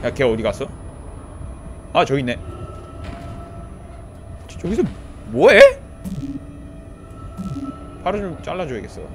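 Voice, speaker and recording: A man doing let's play commentary on a horror game, pleading with and yelling at enemies in a panic, then muttering to himself as he plays. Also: fairly high pitch, huge pitch swings, unhurried, vocal fry, pauses often. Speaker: gameplay commentator. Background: loud horror game music and sound effects.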